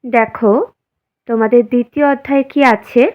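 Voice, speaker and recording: A woman teacher with a slightly high voice talks through a lesson at a slow, careful pace. She is feeling a little unwell, and she keeps asking the class questions and then answering them herself. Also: fairly even intonation, phone-quality sound. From West Bengal, India. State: feeling unwell, speaking slowly. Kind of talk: slow, simple classroom explanation.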